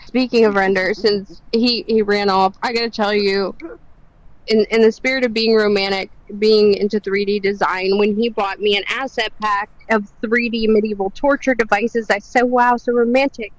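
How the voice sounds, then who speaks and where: A woman's voice: mid-range voice, steady tone, moderate pace, no echo, rough recording. A woman doing a stand-up comedy set, giggly and self-deprecating, swearing often. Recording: comedy club with loud crowd.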